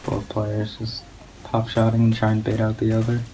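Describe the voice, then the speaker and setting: Low-voiced man, flat and low-key, calling a game match play by play; clear hiss of noise behind him. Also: moderate pace, rough recording. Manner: monotone, low-key delivery; not much of a talker. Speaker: guest commentator. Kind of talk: esports play-by-play commentary. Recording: steady background noise.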